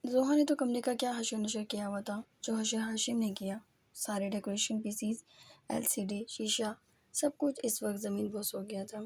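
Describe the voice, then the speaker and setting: A woman narrating a romance novel aloud in a steady storytelling manner. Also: fairly high pitch, breathy edge.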